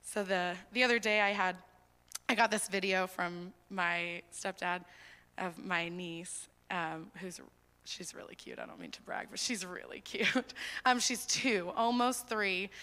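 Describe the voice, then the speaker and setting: Young woman, sermon, earnest conversational delivery, bright tone, long hall echo. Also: mid-range voice, measured pace, clear, resonant tone. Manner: conversational and earnest, with fillers and animated retellings. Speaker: preacher. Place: church hall.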